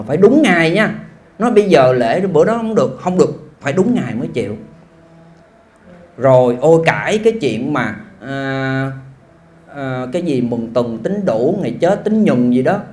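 A man, a monk giving a sermon in an animated, folksy storytelling way with frequent exclamations. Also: on the high side. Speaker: monk giving a Dharma talk.

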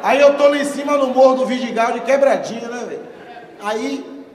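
A young male stand-up comedian from Bahia with a Bahian accent, telling a story on stage, profane and animated, acting out the dialogue. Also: extremely high pitch, normal speed. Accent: Bahian Portuguese. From Bahia, Brazil. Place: comedy stage before a live audience. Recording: roomy hall, distant mic, loud crowd.

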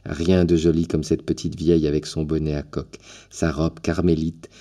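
A man from France reading a classic tale aloud as an audiobook narrator, unhurried and expressive, lingering on descriptive phrases. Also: a bass voice. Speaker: audiobook reader. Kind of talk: scripted literary narration.

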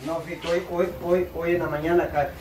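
A man who explains in a hesitant way, with many restarts and halting phrases. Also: fairly high pitch, flat delivery, noisy background.

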